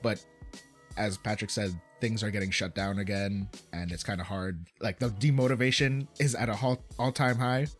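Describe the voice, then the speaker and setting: A man's voice: on the low side, fairly even intonation, moderate pace, soft background music. Laid-back young man giving gym advice. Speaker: podcast co-host, fitness coach. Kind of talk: casual chat.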